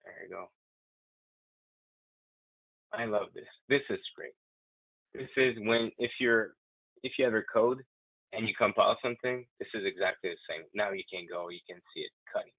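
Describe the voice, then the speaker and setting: An enthusiastic, chatty man gives a live walkthrough of CAM software, restarting frequently. His low, husky voice has vocal fry, a moderate pace and long pauses, and the dry, echo-free audio sounds tinny and phone-like.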